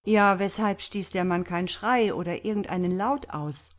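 A woman playing a sharp, impatient doctor. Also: medium pitch, natural voice. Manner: forceful, sharp, quick to anger.

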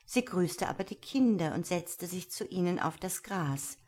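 Woman reading a fairy tale, lowish voice. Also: animated, unhurried, a little mellow. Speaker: storyteller. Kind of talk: fairy tale read aloud.

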